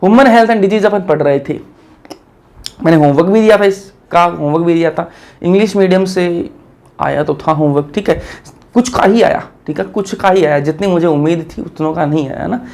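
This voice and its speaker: Young male teacher, casual and chatty, high gravelly voice, asks and answers his own questions. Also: fairly quick, a little mellow. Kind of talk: casual lecture.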